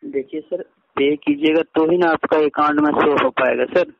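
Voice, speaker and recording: On a recorded phone call, a man with a fairly high pitch speaks at normal speed, with no echo. Playing the customer care agent, he persuades insistently and repetitively, politely using sir.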